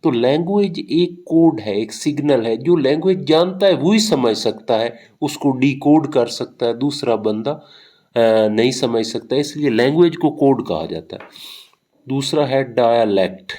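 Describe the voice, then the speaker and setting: A man's voice: medium pitch, animated, unhurried, warm tone. Brief: male lecturer, mid-range voice, patient teaching delivery with frequent hesitations. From Pakistan. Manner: explains with everyday examples, frequent hesitation fillers. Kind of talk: recorded lecture explaining linguistics.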